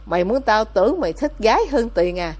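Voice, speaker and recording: A woman voicing a greedy, hot-tempered older village mother who scolds loudly and harshly in a storybook reading. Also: mid-range voice, expressive, brisk, natural voice. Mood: scheming.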